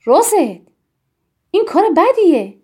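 A woman voicing a stern, rigid middle-aged man who is quick to anger and scolds insistently in a raised voice. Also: fairly high pitch, animated, darkish tone. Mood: scolding.

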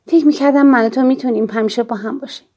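A weary, gentle mother, as a woman narrator reads her, speaking quietly with a mellow tone. The voice stays fairly high but soft, like a storybook parent talking to her child. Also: expressive, slightly rough.

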